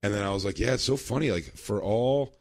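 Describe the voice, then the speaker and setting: A man's voice: fairly low pitch, expressive, a little fast, no room sound, clean studio sound. A man co-hosting a podcast in casual chat, a telling rambling stories and laughing mid-sentence. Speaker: podcast co-host.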